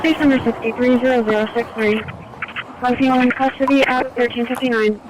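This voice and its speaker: A woman's voice: fairly high pitch, fairly even intonation, a little fast. A woman working as an emergency dispatcher, reading codes and numbers in a clipped, procedural way over two-way radio. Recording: noisy police scanner radio.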